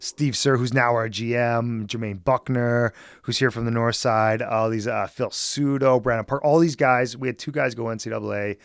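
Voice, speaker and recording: Speaking as a guest in an interview, a middle-aged Edmonton man who once ran a basketball team keeps things casual and upbeat, often dropping "man" and "right?". His gravelly, medium-pitched voice holds a steady tone at normal speed with few pauses, and the recording is dry and clean studio sound.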